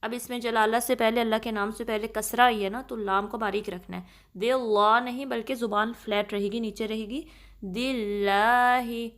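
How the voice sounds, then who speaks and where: A woman with a Pakistani Urdu accent, pitched a little high, teaches recitation step by step. She is patient and slow, stretches out each sound and keeps checking that the listener follows. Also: fairly even intonation, fairly bright tone. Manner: patient, repeats sounds slowly and checks with "okay?". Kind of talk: slow explanatory tajweed lesson.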